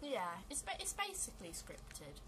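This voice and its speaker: A woman's voice: high voice, wildly swooping pitch, moderate pace. A woman co-hosting a let's play, chatting casually over a video game. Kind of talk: casual chat over gameplay. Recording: noisy, game sound behind voice.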